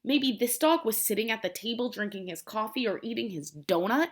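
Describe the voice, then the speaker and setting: Her voice a little high and her pace a little fast, an American preschool teacher reads a picture book to young children. She speaks in simple, expressive language and asks them questions along the way.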